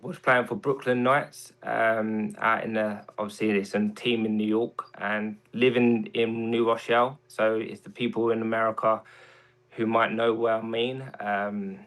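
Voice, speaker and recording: A man's voice: lowish voice, flat delivery, unhurried, low-quality recording. A man from England with a London accent, a guest on a casual chat show, talking hesitantly with lots of ums. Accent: London English. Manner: hesitant, many ums, soft-spoken.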